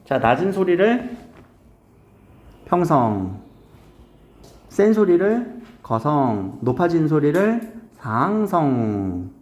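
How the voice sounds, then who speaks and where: A man teaching grammar in a casual recorded lecture, often quizzing his students with quick questions. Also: on the high side, very animated. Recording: echoey room.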